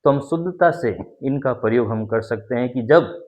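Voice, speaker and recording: A man gives a classroom-style grammar lesson in a mid-range voice. He explains step by step and repeats his key points. He pauses to sound out example words. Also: mid-range voice, animated, darkish tone, lo-fi sound. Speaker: teacher.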